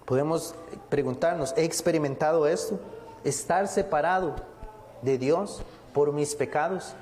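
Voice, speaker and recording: A male preacher gives a sermon in a somewhat high but warm, mellow voice. He speaks deliberately, asks rhetorical questions and slows down to read scripture. The long reverb of a church hall rings around him.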